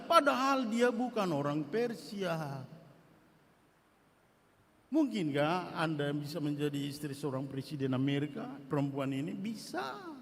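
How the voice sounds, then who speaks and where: A middle-aged man preaches in a high voice, his words trailing off into the long reverb of a church hall. He moves from quiet, confiding asides to loud, emphatic bursts. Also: unhurried. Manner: animated preaching, swings from soft asides to loud emphatic outbursts. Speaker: pastor. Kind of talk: sermon. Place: church sanctuary.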